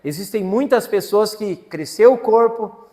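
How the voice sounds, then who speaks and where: A man's voice: sits high, a little slow, mellow. A man preaching a sermon as pastor, telling a family story in a folksy way with frequent tag questions. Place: church. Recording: church hall with long reverb. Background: long hall reverb.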